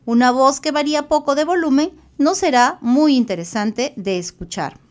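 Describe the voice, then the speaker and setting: A woman's voice: high-pitched, animated, normal speed. A woman with a Peruvian Spanish accent giving a recorded online psychology lecture, explaining carefully with fillers and self-corrections.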